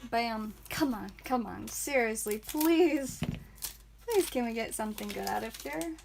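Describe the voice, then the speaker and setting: Giggly, chatty woman streamer, slightly high. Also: expressive, unhurried, creaky, a little mellow, a little hiss or hum. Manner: chatty, giggly, talks to chat viewers by name. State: tired and a bit loopy. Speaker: livestream card seller and host. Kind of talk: live-streamed pack-opening chat.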